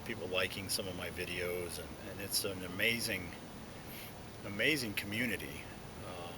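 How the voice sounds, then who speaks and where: A man chatting casually and reflectively to viewers outdoors, in a halting way, talking around a pipe in his mouth. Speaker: pipe smoking video blogger. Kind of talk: casual solo chat to viewers. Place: outdoors, sitting inside a hollow tree. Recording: noisy outdoor recording with low rumble.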